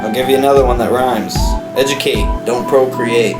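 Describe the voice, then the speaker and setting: A man's voice: mid-range voice, steady tone, normal speed, echoey room, loud music behind the voice. A man co-hosting a podcast, turning mock-defensive and earnestly lecturing in comedic banter. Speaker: podcast co-host.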